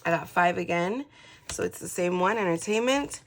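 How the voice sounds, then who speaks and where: A woman vlogger telling an animated story in a casual way, pausing to count numbers aloud. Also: on the low side. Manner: animated, gets worked up retelling events; counts aloud softly between story parts. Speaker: budgeting vlogger. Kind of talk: casual storytelling while doing a cash-savings challenge.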